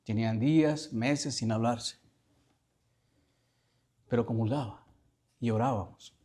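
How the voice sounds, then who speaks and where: A male priest giving a sermon, asking the congregation questions and repeating lines slowly for emphasis. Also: medium pitch, a little mellow. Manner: questioning the listeners, slow emphatic reading.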